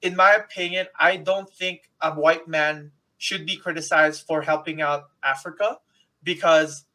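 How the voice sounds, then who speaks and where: Bright-voiced, insistent podcast co-host man. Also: a little high, steady tone, unhurried. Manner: emphatic, repeats himself, agreeing and insistent. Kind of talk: casual podcast chat.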